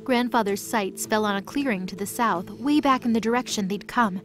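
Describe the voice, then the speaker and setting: A woman with a mid-range voice and moderate pace reads scripted story narration as the narrator of a mythology audio drama, with music in the background.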